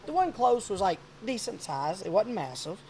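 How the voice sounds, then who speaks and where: A man around forty hosting a podcast, telling a hunting story in a rambling, animated way. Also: sits high, normal speed, slight background noise. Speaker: podcast host. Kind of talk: casual chat.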